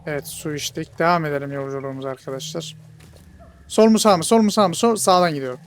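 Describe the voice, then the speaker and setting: A man giving casual let's play commentary, jokey and excitable, bantering with game characters. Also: fairly high pitch, fast, slight background noise. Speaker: gamer.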